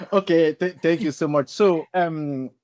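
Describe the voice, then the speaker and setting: Halting man from Cameroon, interview guest. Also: fairly high pitch, darkish tone. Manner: halting, searching for words, many self-corrections. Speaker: interview guest, cycling club founder. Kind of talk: unscripted interview answers.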